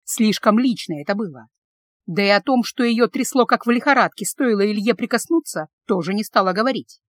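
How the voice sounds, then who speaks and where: A woman narrating an emotional story in an expressive reading voice. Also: medium pitch, brisk. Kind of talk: scripted audiobook narration.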